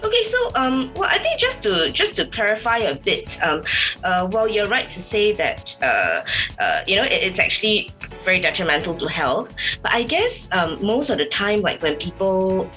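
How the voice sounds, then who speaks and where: A woman's voice: mid-range voice, wildly swooping pitch, moderate pace, sharp tone, soft background music, low-quality recording. A Singaporean woman interviewing casually, explaining things in an informal, hesitant way with repeated phrases.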